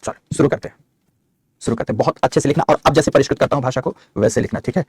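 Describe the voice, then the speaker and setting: A man's voice: medium pitch, rapid-fire, breathy edge, dry recording, studio quality. A middle-aged male geography teacher, giving an online map lecture, answering students' chat questions and dictating notes.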